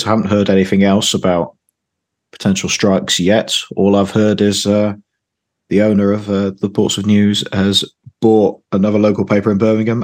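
A man with a low, husky and hoarse voice talks casually as a guest on a football podcast. He hesitates and repeats words as he goes. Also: a little mellow. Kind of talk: casual chat.

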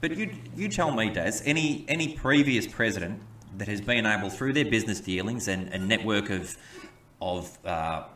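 A man co-hosting a podcast, talking in halting bursts with many stammers and restarts. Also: lowish voice, expressive, fairly bright tone, a little hiss or hum. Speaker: podcast co-host. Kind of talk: opinionated podcast chat. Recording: echoey room, mic at a distance.

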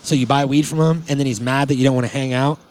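A man's voice: mid-range voice, fairly even intonation, fast talker, a little mellow. A man hosting a podcast in casual chat, rambling and laid-back, with many "like"s and "um"s. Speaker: podcast host.

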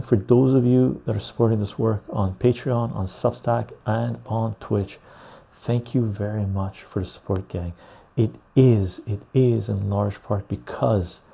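A man hosting a casual live stream into a clip-on lapel mic, chatting to viewers in a chill, husky, gravelly voice. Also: lowish voice, warm tone. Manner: chill, unhurried talk addressed to viewers. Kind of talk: casual livestream chat.

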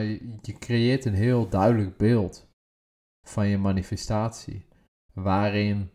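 A male podcast co-host talks in a warm, lowish voice during casual chat. He works through his thoughts methodically and hesitantly, with many fillers and restarts.

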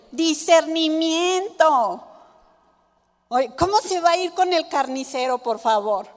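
A woman's voice: high voice, big-room sound. A woman preaching a sermon to a women's meeting, emphatic, acting out quoted prayers and putting questions to the congregation. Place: church hall.

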